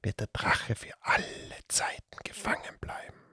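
A man's voice: sharp tone, no echo, clean studio sound. Man whispering as a sly cat-headed serpent. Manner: hissing, sly, slow whisper.

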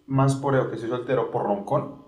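A young man talks through dating troubles in loose, slangy banter, his pitch sitting right in the middle. He makes his points with examples. The sound is roomy, picked up from some distance off the mic. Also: steady tone, moderate pace, a little mellow. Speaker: podcast co-host. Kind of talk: casual chat.

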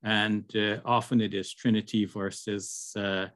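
A man's voice: fairly low pitch, level tone, a little slow, a bit bright, no room sound. An older man from Guyana speaking as an interview guest over a video call, hesitant and full of fillers. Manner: hesitant, many fillers and restarts. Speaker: guest, Islamic scholar.

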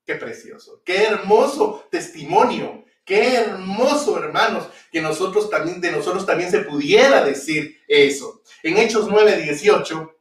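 A man's voice: high voice, a little slow. A man preaching a sermon, speaking emphatically and asking rhetorical questions that he answers himself. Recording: echoey room from far off.

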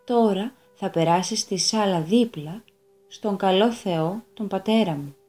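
A woman voicing a calm, serious holy boy who examines a pupil, speaking softly and slowly with quiet authority in a children's story. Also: mid-range voice, faint music behind, close to an everyday voice. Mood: kindly. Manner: soft, slow and calmly authoritative.

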